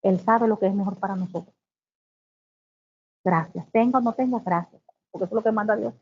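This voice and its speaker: A woman's voice: mid-range voice, slight background noise. Woman teaching a devotional over tinny audio. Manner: reads scripture slowly, then explains with exclamations. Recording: tinny phone-like sound.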